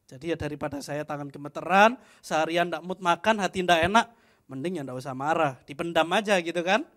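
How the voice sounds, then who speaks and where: High-voiced joking young preacher. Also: male voice, a little fast, a bit bright. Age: young adult. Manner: chatty, joking, frequent tag "ya". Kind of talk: youth fellowship sermon, casual storytelling.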